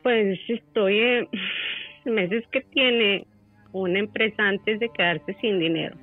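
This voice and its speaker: A woman's voice: medium pitch, slow, no room sound, faint music behind. A woman from Querétaro calling in to a live quiz show, speaking in a casual, slangy, laid-back way. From Querétaro, Mexico. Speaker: caller. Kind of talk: phone call-in. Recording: muffled phone line.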